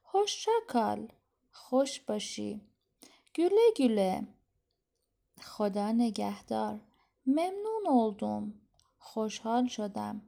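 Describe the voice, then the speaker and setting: Woman teacher saying vocab slow and clear, then translating, mellow fairly high voice. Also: sing-song. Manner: reads Turkish words slowly, then translates them into Persian; gives explanations quickly and clearly. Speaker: Turkish language teacher. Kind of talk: language lesson.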